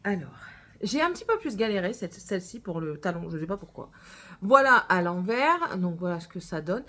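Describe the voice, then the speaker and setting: A woman's voice: fairly low pitch, big pitch swings, moderate pace, bright, forceful tone. Woman, northern French accent, casual knitting chat, hesitant and rambling. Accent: northern French with a touch of Gironde. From northern France. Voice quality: rambling, full of hesitations and self-corrections. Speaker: knitting podcaster.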